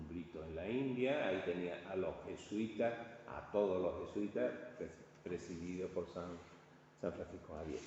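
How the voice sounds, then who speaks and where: Speaking with a Spain Spanish accent, this man delivers a casual illustrated art history lecture to an audience, pausing haltingly and frequently checking with his listeners. His voice is deep and somewhat dark. The large indoor room reverberates, so the audio comes across distant and muffled, with a faint noise floor.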